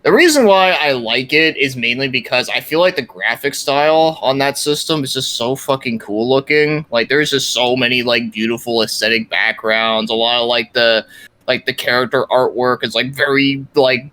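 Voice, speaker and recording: On a gaming podcast, a young male guest with a mid-range, sharp-toned voice chats casually about his interests at normal speed. He comes across as enthusiastic, slangy and rambling.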